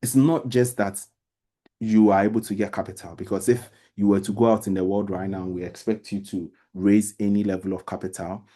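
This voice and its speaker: Man, lowish pitch, very mellow tone, explanatory teaching style, emphatic repetition, direct address to learners. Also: flat delivery, a little fast. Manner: repeats words and phrases for emphasis; addresses listeners directly with everyday examples. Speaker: debate trainer and lecturer. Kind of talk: informal explanatory lecture.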